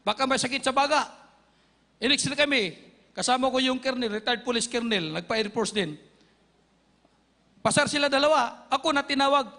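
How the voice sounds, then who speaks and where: A man from the Philippines giving a dramatic church testimony, telling his story with sound effects and shouts of praise. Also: extremely high pitch, normal speed, pauses often. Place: church hall. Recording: reverberant hall.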